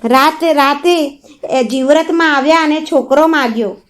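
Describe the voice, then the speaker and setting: A woman narrating a devotional folk story in a steady, even read-aloud manner. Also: high voice, moderate pace.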